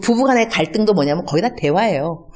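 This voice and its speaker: A woman's voice: fairly low pitch, quick pace. A woman missionary giving a conversational teaching talk, acting out everyday dialogues and mixing in English words. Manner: acts out everyday dialogues in lively voices.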